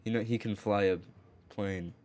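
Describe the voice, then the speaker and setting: Young male podcast co-host, rambling, halting delivery, casual movie chat. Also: fairly low pitch, fairly even intonation, darkish tone, slight background noise. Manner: rambling, halting, lots of fillers and restarts.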